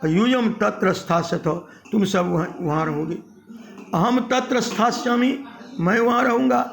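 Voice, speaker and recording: A middle-aged man teaching Sanskrit verb forms, reciting each form slowly in turn. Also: high-pitched, vocal fry. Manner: slow, drills verb forms one by one in a recitation. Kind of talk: recorded grammar lesson.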